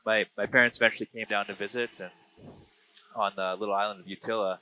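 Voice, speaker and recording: A diver and filmmaker in his thirties from British Columbia, with a western Canadian accent, tells stories casually as an interview guest from a small plane's cockpit in flight. He talks fast in a fairly low, steady, sharp voice, picked up close on an aviation headset boom mic over the intercom, and the audio is poor.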